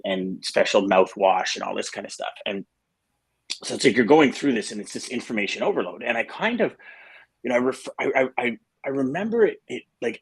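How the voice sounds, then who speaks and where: A man's voice: mid-range voice, slightly rough. A middle-aged man hosting a casual morning show, talking in a rambling way with restarts and fillers. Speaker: host.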